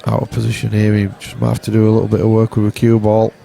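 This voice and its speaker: A man giving relaxed, wry commentary on a snooker match. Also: fairly low pitch, racing, gravelly. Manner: wry, teasing, chatty. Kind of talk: relaxed live sports commentary.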